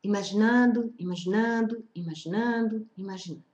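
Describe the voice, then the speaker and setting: A woman's voice: medium pitch, a little fast, darkish tone, highs cut off. A woman leading a spiritual study group, talking informally and repeating phrases as she checks in with her listeners. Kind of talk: informal spiritual teaching talk. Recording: roomy echo.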